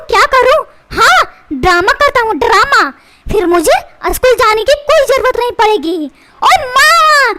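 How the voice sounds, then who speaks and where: A woman's voice: very high voice, background noise. A woman voicing a cheeky, scheming young boy who fakes being sick to skip school, talking in a whiny, pleading way.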